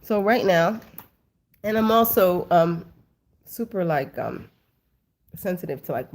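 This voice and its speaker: A woman in her thirties hosts a casual talk for her viewers, whom she calls family, while stuffy and sniffly with a cold. She's chatty and loose, full of "like" and "um." Her fairly low voice is expressive, slow and darkish in tone.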